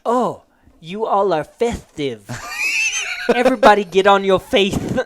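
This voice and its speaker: A man's voice: high-pitched, expressive, takes it slowly, fairly bright tone, slight background noise, pitched above the performer's own voice, full character voice. A man imitating a lisping drill sergeant. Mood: mocking stern. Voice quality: lisp. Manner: mock-festive barking orders. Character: tall male drill sergeant with a lisp, slightly high voice. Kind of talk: impression within a story.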